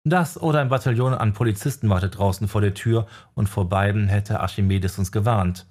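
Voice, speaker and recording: A wry young male elementalist mage, chatty and joking as he lays out his plans. His voice sits low and a little husky, close to the narrator's own. The delivery has a storybook feel. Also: a little fast, a little mellow, natural voice. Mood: reasoning. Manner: joking and explanatory. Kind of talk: audiobook character voice.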